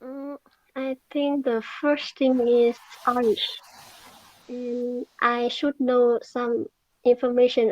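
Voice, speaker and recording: A woman who is a beginner English learner, answering practice speaking questions and searching for words with long pauses. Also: fairly high pitch, a little mellow, dry recording, lo-fi sound.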